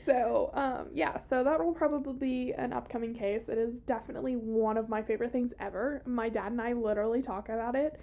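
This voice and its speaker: A woman's voice: fairly high pitch, steady tone, fairly quick, gravelly, few pauses, narrow, tinny audio. A young woman hosting a podcast in casual chat, giggly and chatty, swearing freely. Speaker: podcast host. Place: small podcast room.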